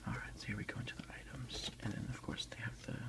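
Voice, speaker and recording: For an ASMR unboxing, a man reads and comments in a gentle, unhurried whisper near the mic. His medium-pitched voice stays level, with noticeable vocal fry.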